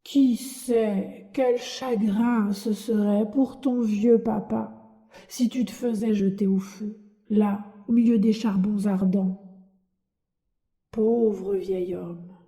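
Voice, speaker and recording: Woman doing a gruff bearded puppet master. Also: medium pitch, fairly even intonation, drawn-out words, warm tone. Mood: grumbling. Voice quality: gruff, sneezing. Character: gruff bearded male puppet master, stern yet softhearted. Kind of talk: audiobook character reading.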